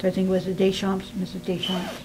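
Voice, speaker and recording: A woman giving an informal museum tour as guide, calm and explanatory, pausing to find her words. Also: medium pitch. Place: inside a small museum. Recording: noisy on-location recording, varying distance from mic.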